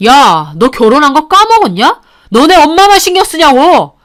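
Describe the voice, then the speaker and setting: A woman's voice: high voice, lively intonation, normal speed, fairly bright tone. A woman voicing a sneering bossy husband. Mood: scolding. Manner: sneering, scolding. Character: scornful bossy husband, man in his 30s. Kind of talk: audio story drama.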